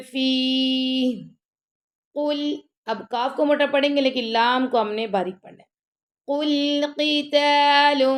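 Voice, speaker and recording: A woman teaching Quran recitation step by step, reciting verses slowly and drawn out, then briskly explaining the rules. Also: fairly high pitch. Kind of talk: step-by-step tajweed lesson.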